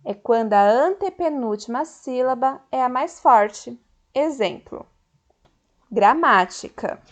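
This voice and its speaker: A Brazilian Portuguese-accented woman teaches a recorded lesson in a slightly high voice. She speaks at an unhurried pace, explaining patiently and clearly to children. In her examples she calls out words a little louder and stretches the stressed syllable. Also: expressive. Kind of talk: recorded online school lesson.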